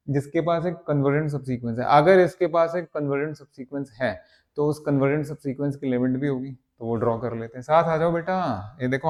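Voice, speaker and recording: A man's voice: mid-range voice, a little mellow. Male maths tutor, coaxing his students, repeats stuff for emphasis, drops in english bits. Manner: mixes in English phrases, repeats words for emphasis. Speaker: maths teacher. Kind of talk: exam-prep maths lecture.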